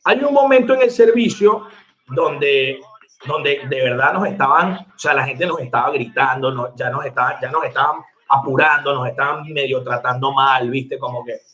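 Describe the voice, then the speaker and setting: A man who works as a bartender, telling a story to his viewers in an animated, chatty way and laughing along. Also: medium pitch, normal speed. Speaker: bartender and online mixology teacher. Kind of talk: casual storytelling to camera.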